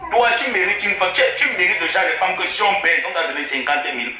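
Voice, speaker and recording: A man's voice: high-pitched, expressive, fast talker, sharp tone. A man in an angry informal rant, scolding and insulting with rhetorical questions. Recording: heavy echo with music behind.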